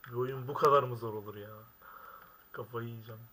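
A man's voice: medium pitch, steady tone, a little fast. Exasperated young man gaming, keyboard clicking. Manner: exasperated, complaining loudly at the game. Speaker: gamer. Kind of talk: frustrated gaming commentary. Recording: keyboard clicks and noise behind. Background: keyboard typing.

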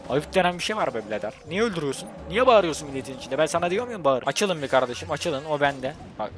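A man from Turkey giving casual, jokey commentary on a mobile game, talking excitedly to the game and his teammates. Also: fairly high pitch, fast. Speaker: mobile gaming youtuber. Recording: voice over loud game music.

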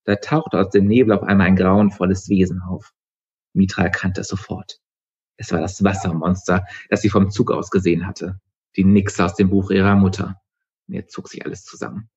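A male author reading his novel aloud in steady, measured narration. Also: low voice, husky, muffled recording. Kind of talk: live book reading.

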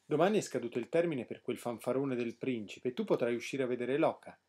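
A man voicing a stern, ironic king who gives orders and threats in a storybook reading, with a husky, mellow voice. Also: medium pitch, brisk, close to an everyday voice. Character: stern mocking old king, male.

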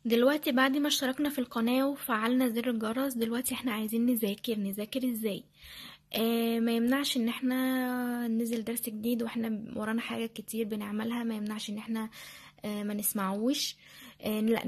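A woman's voice: a little high, level tone, fast, breathy edge. A woman with an Egyptian accent walking viewers through how she studies, chatty and full of fillers. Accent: Egyptian Arabic. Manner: chatty, repeats phrases, many fillers. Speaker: language learner sharing study tips. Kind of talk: casual screen-share tutorial.

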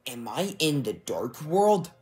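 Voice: mid-range voice, sing-song, takes it slowly, a little mellow. A young fan voicing a jumpy masked knight who yelps and stammers when startled. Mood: panicked.

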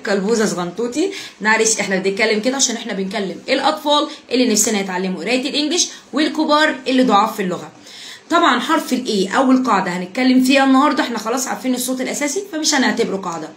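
Egyptian woman, young adult, higher voice, slow drilled phonics teaching, cheerful praise. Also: expressive, a bit bright, husky. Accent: Egyptian Arabic. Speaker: English pronunciation teacher. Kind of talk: phonics lesson for children.

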